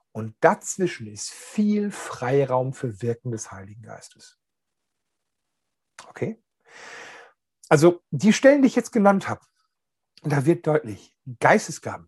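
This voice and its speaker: A man's voice: fairly high pitch, darkish tone, husky. A man preaching a chatty, humorous sermon to his congregation. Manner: chatty, joking, addresses listeners directly.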